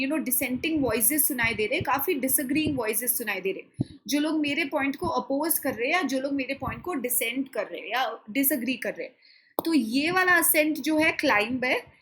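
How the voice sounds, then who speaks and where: Indian English woman, young adult, high voice, online vocab teacher who mixes Hindi and English and keeps asking "clear, guys?". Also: a bit bright, poor audio. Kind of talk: online lesson.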